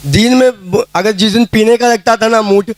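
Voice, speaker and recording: A man's voice: high voice, normal speed, no room sound, faint music behind. A man giving a casual spoken testimony at a prayer meeting, telling his story plainly and acting out the dialogue he quotes. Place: prayer hall.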